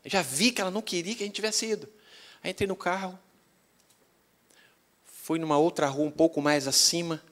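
A Brazilian-accented pastor preaches through a personal story, his voice sitting somewhat high for a man. He is animated and slips into the voices of the people he quotes. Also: fairly quick, long pauses. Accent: Brazilian Portuguese. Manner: animated, acts out dialogue. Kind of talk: storytelling sermon.

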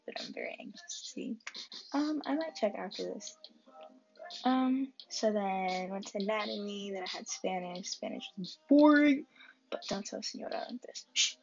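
Chatty husky teen girl vlogger. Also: medium pitch, highs cut off. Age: teens. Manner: chatty, rambling with many likes and ums. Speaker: student vlogger. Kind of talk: casual weekend recap vlog.

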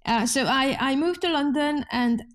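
Guesting on a podcast, a Hungarian woman in her fifties who works as a journalist recounts her story in a high voice at normal speed, with a Hungarian accent. She keeps it casual and conversational, restarting sentences frequently and laughing often.

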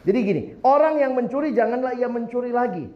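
A man preaching a sermon, humorous and animated, putting questions to the congregation. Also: extremely high pitch, fast. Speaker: pastor. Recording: roomy, slightly dull, faint background noise.

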